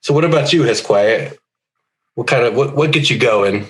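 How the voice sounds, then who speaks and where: A man's voice: mid-range voice, normal speed, a little hiss or hum. Man, co-host, friendly, laughs easily, asks questions. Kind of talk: casual chat on a live stream.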